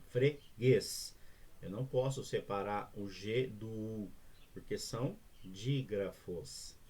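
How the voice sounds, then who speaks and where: A man's voice: on the low side, slow pace, a little mellow, breathy edge. A male teacher with a Brazilian Portuguese accent giving a recorded remote lesson, explaining step by step and often checking in with the students.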